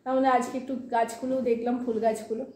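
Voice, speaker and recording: A woman's voice: fairly high pitch, level tone, brisk, dark tone, roomy sound. A woman chatting casually in a home vlog, urging a child to hurry while talking to her viewers. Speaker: vlogger and mother.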